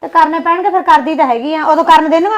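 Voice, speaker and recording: A woman's voice: very high voice, fairly bright tone, dull audio. A woman with a Punjabi accent acting a young village wife in a short film, complaining and snapping back. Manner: sulky, complaining, quick retorts.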